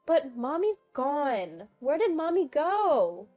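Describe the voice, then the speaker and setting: A woman's voice: sits high, very animated, slow pace, highs cut off, faint music behind, pitched above the performer's own voice, exaggerated voice. A woman voicing a small boy who sobs and whines as he talks, in a storybook narration. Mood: tearful. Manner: whiny, sobbing.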